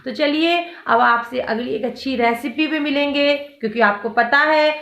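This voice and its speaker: A woman's voice: high-pitched, moderate pace, a bit bright. A woman hosting a cooking channel, narrating a casual home vlog and explaining each item as she counts it out. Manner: homely, explanatory, counting items aloud.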